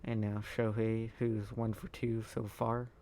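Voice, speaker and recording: A man recording a tired, halting voice-over over his own sports video game footage, full of ums and uhs. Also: flat delivery, mellow, a little hiss or hum. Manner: low-key, halting, lots of ums and uhs. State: tired, yawning. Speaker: gaming YouTuber.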